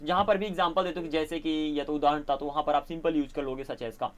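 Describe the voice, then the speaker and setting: A man's voice: fairly high pitch, fairly even intonation, fast. A man with an Indian accent teaching a spoken English lesson, patiently explaining and mixing Hindi with English. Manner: explains patiently, often asks "theek hai na?".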